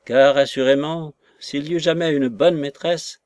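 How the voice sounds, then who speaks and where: A man's voice: on the high side, fairly even intonation, unhurried, a little mellow, dry recording, studio quality, natural voice. A man voicing a distraught lady's maid, a woman who wails and pities herself in a raised, plaintive voice. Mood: lamenting.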